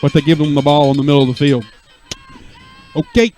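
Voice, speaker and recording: High-pitched man, football touchdown call. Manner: excited drawn-out touchdown call; folksy exclamations and asides. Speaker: play-by-play sports announcer. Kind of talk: live American football radio commentary.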